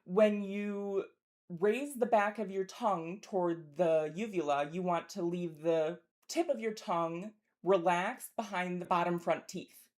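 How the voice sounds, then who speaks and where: Low-pitched woman giving a careful pronunciation lesson. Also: a little slow, darkish tone. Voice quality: throaty uvular r in German example words. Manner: careful, articulate demonstration of speech sounds. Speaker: linguist, pronunciation teacher. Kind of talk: instructional explanation with example words.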